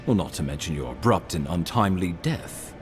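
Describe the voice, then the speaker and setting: An actor playing an earnest, courteous imperial ambassador in a video game, speaking in a formal, eloquent and measured manner. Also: male voice, low-pitched, expressive, faint music behind. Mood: grave. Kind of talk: dramatic video game dialogue.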